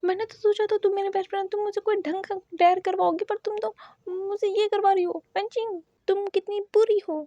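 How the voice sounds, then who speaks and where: A man's voice: very high-pitched, little pitch movement, fairly quick, dark tone, no echo, lo-fi sound. Woman voicing Wei Ying, a young stammering omega. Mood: playful. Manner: sobbing, stammering, pleading. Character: young male omega, nineteen, pretend-crying prankster.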